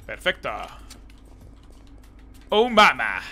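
A man doing live gameplay commentary as a streamer, excitable and swearing as he reacts to the game. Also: fairly high pitch, very slow. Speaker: gaming streamer.

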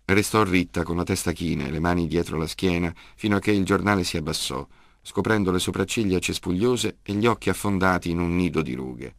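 Brief: male audiobook narrator, very low and gritty, close and dry, measured delivery. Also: creaky, dry recording. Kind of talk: scripted narration.

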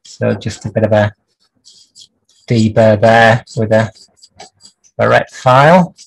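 A man's voice: lowish voice, fairly even intonation, takes it slowly, creaky, poor audio. A man hosting a clock repair livestream from his workshop bench, chatting through the work with dry jokes and lots of hesitations.

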